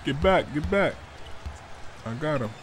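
A man role-plays a mic'd-up basketball player in a slightly high, expressive voice. He fires quick, hyped commands at his teammates over the in-game chatter, with noisy game audio underneath.

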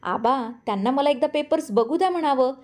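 A woman reading a story aloud, voicing a calm, firm young woman teacher who speaks steadily. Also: sits high, brisk, voice pushed up. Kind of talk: audiobook character voice.

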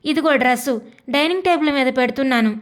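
A woman voicing a spoiled young sister-in-law who talks in a hurried, snippy way in a narrated story. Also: high-pitched, lightly acted.

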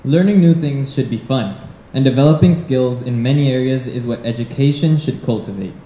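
A man's voice: medium pitch, moderate pace, warm tone. A young man, a student presenter, reading prepared remarks from his phone into a handheld mic at an event. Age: young adult. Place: dim event hall. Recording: roomy hall echo.

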